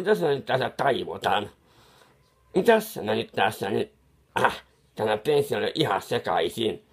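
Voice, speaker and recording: Brief: a muddled, fussy clown who paints and rambles, pitch swooping up and down, mutters and restarts, as a man acts him out. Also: husky. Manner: soothing, scolding someone who cries. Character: bumbling, befuddled male clown painter, fussy and kindly. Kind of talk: comic improvised monologue.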